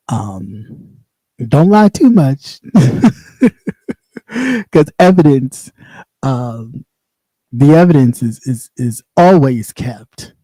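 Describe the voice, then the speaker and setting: A mid-range, warm male voice comes through poor audio with no room sound. The speaker, a livestream host and ex-radio host with a light voice, rants bluntly and sassily in a casual way, going in loops and repeating himself.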